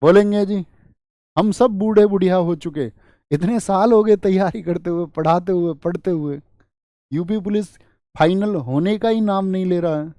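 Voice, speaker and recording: A man's voice: high-pitched, moderate pace, dark tone, dry recording, studio quality. A male teacher giving an online exam-prep lesson. He repeats key points and keeps putting quiz questions to his students. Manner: drills points by repeating them.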